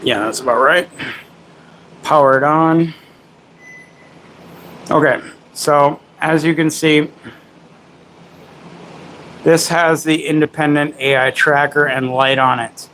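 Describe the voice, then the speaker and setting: A man's voice: on the high side, fairly even intonation, slow pace, pauses often, a bit bright, slight background noise, poor audio. A man hosting a casual livestream, demoing camera gimbals and chatting with viewers in a rambling, self-correcting way. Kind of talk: casual live product demo.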